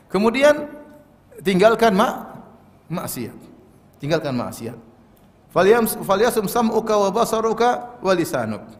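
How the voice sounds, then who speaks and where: A man's voice: sits high, in a large hall. A man preaching a sermon earnestly, quoting Arabic scripture and repeating his key points. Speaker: Islamic preacher.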